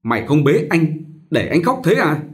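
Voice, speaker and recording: A man voicing a quick-tempered mistress of the house who scolds sharply and loudly in a storybook reading. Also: medium pitch, lively intonation, lightly acted. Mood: scolding.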